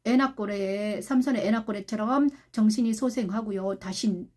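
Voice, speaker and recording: A woman pastor preaching a sermon, repeating phrases, asking rhetorical questions and moving between soft and loud delivery. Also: mid-range voice, normal speed.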